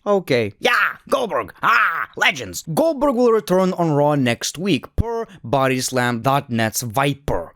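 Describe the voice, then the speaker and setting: Higher-pitched man, dry close sound, joking commentary. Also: dry recording. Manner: joking, sarcastic, swearing freely. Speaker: wrestling commentary host. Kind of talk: casual opinionated reaction commentary.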